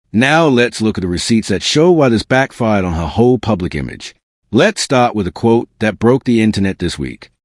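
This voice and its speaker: A man's voice: on the low side, no echo, studio quality. A man hosting a scripted celebrity gossip exposé, using hip-hop slang in a smug, sarcastic, incredulous manner. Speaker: gossip show host.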